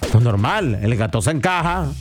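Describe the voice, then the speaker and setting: A man's voice: mid-range voice, sing-song, normal speed. A man hosting a live show, joking and teasing listeners in rowdy slang. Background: music.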